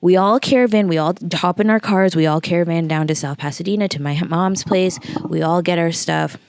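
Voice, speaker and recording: A woman's voice: fairly low pitch, brisk, a little mellow, clear, resonant tone, no room sound. A woman in her late twenties from the Los Angeles area, casually retelling a story with lots of fillers and quoted dialogue. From Los Angeles area, California. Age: late 20s. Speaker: vlogger. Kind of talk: storytime vlog.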